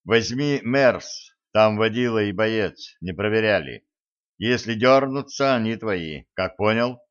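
A man voicing a calm, wry commander giving curt orders, in a dull audiobook recording. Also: on the low side, a little slow, clean tone. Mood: dry calm.

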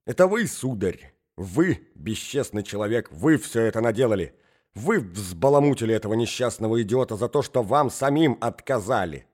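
A man's voice: fairly low pitch, lively intonation, moderate pace, a little mellow. A man reading an audiobook, voicing a domineering provincial lady who scolds and shrieks in fury. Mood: furious.

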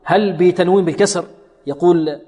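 A man with a fairly high voice leads a tajweed class. He quizzes his students and repeats each sound several times to demonstrate it. The recording rings with long hall reverb. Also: fairly quick, mellow. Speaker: Quran recitation teacher.

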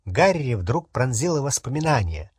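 Husky male audiobook narrator. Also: medium pitch, big pitch swings, moderate pace, no room sound.

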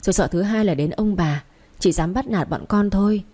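A woman's voice: mid-range voice, moderate pace, dark tone, lightly acted. A woman doing a cheeky young servant girl. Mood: pleading. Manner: stammering, whiny, gossipy.

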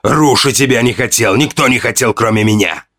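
A man voicing an enraged wounded young hunter. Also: brisk. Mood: hurt, pleading. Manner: shouting, shrill.

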